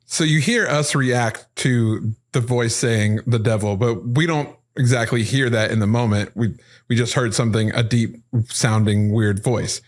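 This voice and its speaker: A man hosting a paranormal podcast, explaining recorded clips step by step in an excited, casual way. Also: mid-range voice, measured pace, slight background noise. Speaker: podcast host.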